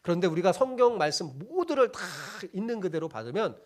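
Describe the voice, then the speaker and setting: A middle-aged man preaching from the pulpit of a church sanctuary, his voice pitched high for a man. His delivery rises and falls widely as he reads scripture together with the congregation. He slips into blunt, casual speech to act out the people he describes. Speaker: pastor. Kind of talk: sermon.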